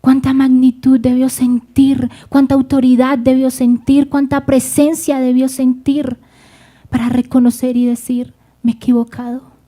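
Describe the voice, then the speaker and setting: A woman's voice: high voice, little pitch movement, unhurried, dark tone. A woman preaching a sermon, speaking fervently and addressing the congregation directly.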